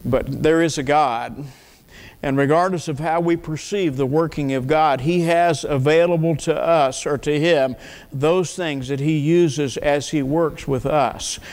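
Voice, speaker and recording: Older pastor preaching from the pulpit. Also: male voice, on the high side, a little slow, a little mellow. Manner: earnest, asks the congregation questions, repeats words. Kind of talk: sermon. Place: church sanctuary, at a wooden pulpit. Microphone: pulpit mic. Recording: long reverb of a church hall.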